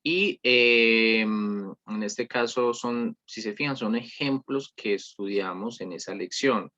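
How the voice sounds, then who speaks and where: A man's voice: on the low side, takes it slowly, sharp tone, lo-fi sound. A man reviewing an English workshop, patiently explaining and often correcting himself. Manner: patient, repeats "¿listo?" often; corrects himself mid-sentence. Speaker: English teacher. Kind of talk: screen-recorded lesson review.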